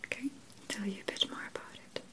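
A woman whispering softly and slowly as a perfume shop assistant in an ASMR roleplay, close to the microphone. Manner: soft unvoiced whisper, slow and soothing.

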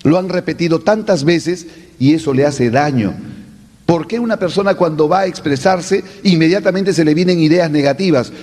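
A man's voice: a little high, normal speed, darkish tone. A man teaching an oratory class, posing rhetorical questions and answering them with emphasis. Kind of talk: classroom lecture. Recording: long hall reverb.

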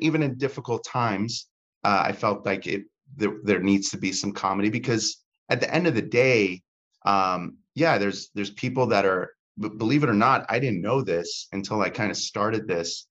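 This podcast guest, a man who makes comedy content, talks casually at a moderate pace in a lowish, fairly bright voice over dull audio. His speech wanders, with frequent fillers and restarts as he interrupts himself.

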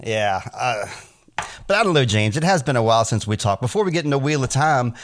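A man chats on a podcast, rambling casually and leaning on fillers as he talks. His voice sits at an everyday pitch for a man. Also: lively intonation, brisk. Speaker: podcast co-host.

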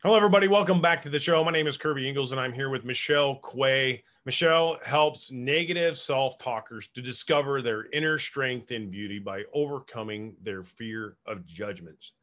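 A man's voice: medium pitch, moderate pace, few pauses, fairly bright tone, faint music behind. A man hosting a podcast, reading an introduction and then interviewing a guest in an earnest manner, often speeding up. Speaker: podcast host.

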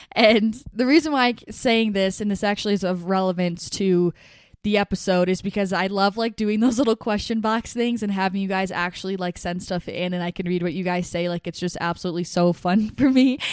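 Excited young woman podcast host, smooth voice. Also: mid-range voice, no echo, studio quality. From New York. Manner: excited, rambling with many "like" fillers. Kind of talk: casual solo podcast talk.

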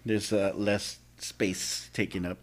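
A man's voice: on the low side, level tone, slow pace. Casual male podcast host, slight missing-tooth whistle.

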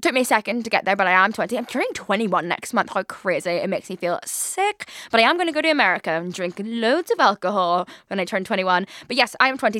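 A woman's voice: fairly high pitch, bright, forceful tone, no room sound. A woman in her twenties hosting a casual solo podcast, chatting in a rambling way with lots of fillers and swearing, recorded in a studio. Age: 20s. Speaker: podcast host. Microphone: studio mic.

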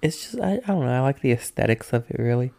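A man's voice: mid-range voice, big pitch swings, fast, creaky, a little mellow. A young American man co-hosting a podcast, asking questions in casual, loosely phrased chat.

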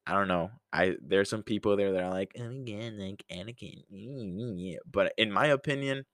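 A young man in his early twenties with a very low voice talks through a casual solo podcast. He takes his time, rambling with sighs and small laughs. The recording is close and dry, with no room sound. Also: no room sound. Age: early 20s. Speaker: podcast host.

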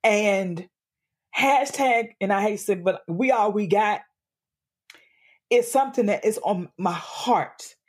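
A woman's voice: mid-range voice, slow, pauses often, a little mellow, slightly rough. Earnest preacherly woman guest. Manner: earnest, emphatic, preacherly cadence. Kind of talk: candid faith-based interview talk.

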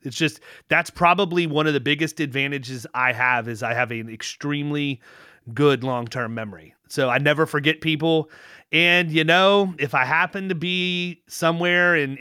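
A middle-aged man in casual conversation, telling long rambling anecdotes with restarts and lively quoted dialogue. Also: on the high side, moderate pace, smooth, no room sound, clean studio sound.

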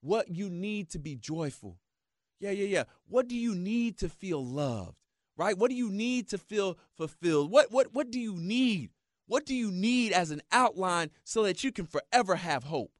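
A high-pitched man hosts a motivational talk show, preaching in a hyped, repetitive style and tossing in "yeah, yeah, yeah" and "yo" again and again. The recording is dry, with clean studio sound.

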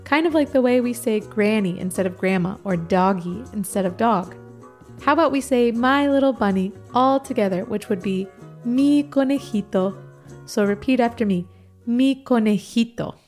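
A woman's voice: on the high side, soft background music. A woman from Ecuador co-hosting a children's Spanish lesson, upbeat and encouraging. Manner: warm, upbeat, encouraging, slow teacher-like delivery. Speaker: co-host and Spanish teacher.

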